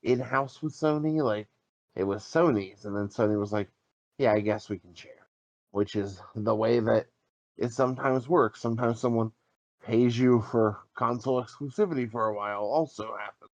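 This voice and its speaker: A man's voice: mid-range voice, moderate pace, darkish tone, no echo, lo-fi sound. A man co-hosting a gaming podcast, chatting casually and running through news in a matter-of-fact way. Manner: matter-of-fact, lists release dates. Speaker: podcast co-host. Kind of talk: casual chat.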